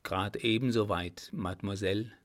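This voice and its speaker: A man's voice: lowish voice, normal speed, natural voice. A man reading aloud voices a courteous, devoted young working man who speaks eagerly and politely. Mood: helpful.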